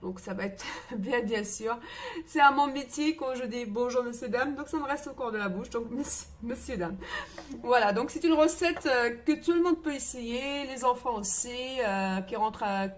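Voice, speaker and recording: Woman, Moroccan accent, home cook, chatty step-by-step demo, slightly high voice. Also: moderate pace. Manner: chatty, talks through each step aloud. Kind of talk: casual cooking demonstration. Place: home kitchen.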